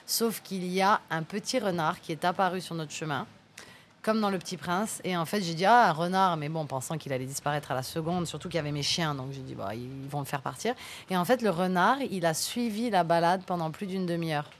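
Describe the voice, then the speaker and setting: A young woman speaks in a somewhat low register, relaxed and chatty as she answers an interviewer. She tells her stories at an easy pace in a casual, friendly way. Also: fairly quick, slight background noise. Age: young adult. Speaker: guest, farm-tourism entrepreneur and singer.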